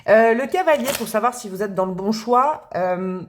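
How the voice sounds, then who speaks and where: A woman's voice: on the high side, animated, moderate pace, slight background noise. A woman hosting a tarot reading to camera, chatting in a rambling way and laughing at herself. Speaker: tarot reader and channel host.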